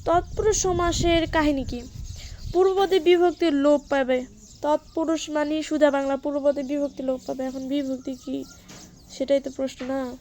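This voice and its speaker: A woman's voice: sits high, level tone, normal speed, a little mellow, slight background noise. A woman tutoring for an exam, asking questions and answering them herself, and having listeners repeat after her. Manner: drilling, asks and answers her own questions. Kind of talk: exam-prep lesson.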